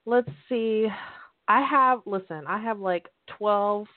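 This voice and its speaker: A woman's voice: mid-range voice, takes it slowly, dry recording. Giggly woman on a dry phone line. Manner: giggly, chatty. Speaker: podcast host. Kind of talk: casual chat.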